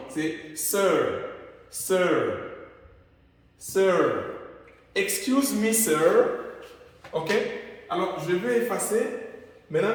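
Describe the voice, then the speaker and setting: Man teaching from across an echoey room. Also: fairly high pitch. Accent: Central African French. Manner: drills English words with raised, emphatic calls. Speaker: English teacher. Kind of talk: classroom lesson. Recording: echoey room, far from mic.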